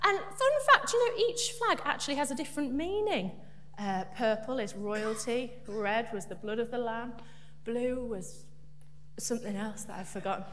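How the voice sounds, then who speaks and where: In an echoey church hall with a faint hum, a woman delivers a light, humorous sermon, chatty and poking fun at herself. Her big, loud voice is a little high, with lively intonation and a moderate pace.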